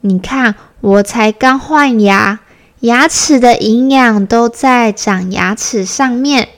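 A woman's voice: a little high, slow. A woman voicing a cheerful, curious little boy bear cub in a children's bedtime story. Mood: playfully explaining. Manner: bright, playful child voice.

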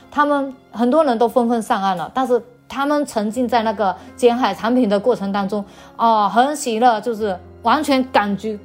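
Interview guest, woman from China, slightly high voice; halting, repetitive storyteller sharing her testimony. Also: a little mellow. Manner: hesitant, repeats words, trailing 哈 tags. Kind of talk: personal faith testimony storytelling.

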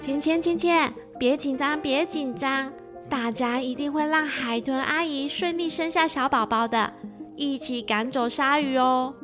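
A woman's voice: high voice, moderate pace, over music, natural voice. A woman voicing a friendly, helpful young dolphin in a children's story. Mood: reassuring.

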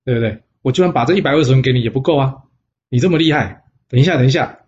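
A man playing an excitable townsman who speaks eagerly and quickly. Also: medium pitch, natural voice. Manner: eager and pleading. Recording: dull lo-fi sound.

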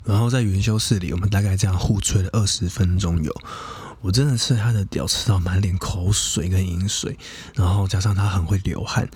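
Husky low-voiced man telling a story. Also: fairly even intonation, brisk, darkish tone. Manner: frank, profane, chatty with many fillers. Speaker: podcast host. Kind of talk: casual first-person storytelling.

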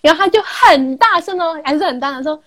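High-voiced giggly woman chatting. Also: animated, quick pace, a bit bright. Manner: giggly, rambling into digressions. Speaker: art studio teacher. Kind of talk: casual chat.

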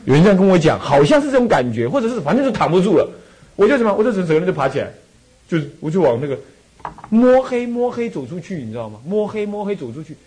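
Husky, animated Taiwanese monk giving a dharma talk. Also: male voice, sits high, quick pace. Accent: Taiwanese Mandarin. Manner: animated storyteller, chuckles, repeats phrases. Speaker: Buddhist monk and temple abbot. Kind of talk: Buddhist dharma talk with personal storytelling.

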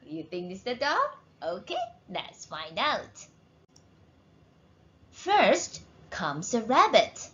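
A woman teacher reads a picture book aloud for children and asks them questions along the way. Her voice is bright and lively in pitch, and she speaks very slowly. The recording sounds slightly muffled. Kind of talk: reading a storybook to children.

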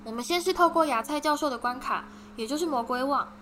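A woman's voice: high-pitched, quick pace, pushed and bright, voice pushed up. A woman voicing an anxious, clever schoolgirl witch who pleads and explains, over background music. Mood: explaining.

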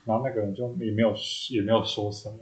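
A man's voice: on the low side, rapid-fire, a crowd in the background. A man, co-hosting a podcast, telling a personal story in casual chat and acting out the quoted dialogue. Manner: animated storyteller who acts out quoted dialogue. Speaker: podcast co-host. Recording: echoey room.

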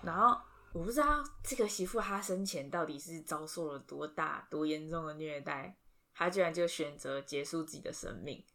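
A woman talks in a relaxed podcast chat, her voice sitting a little low. She tells stories in an animated, rambling way, full of fillers and playful asides. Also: moderate pace. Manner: chatty, animated storytelling with frequent fillers. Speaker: podcast co-host. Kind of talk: casual chat.

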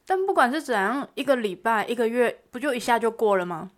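A woman's voice: fairly high pitch, expressive, a little fast. A woman co-host talking in a casual, conversational chat style.

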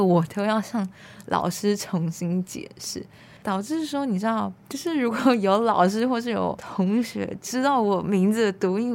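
Woman, 20s, Taiwanese Mandarin accent, podcast host, casual storytelling, gravelly fry. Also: mid-range voice. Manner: animated, exasperated anecdote-telling.

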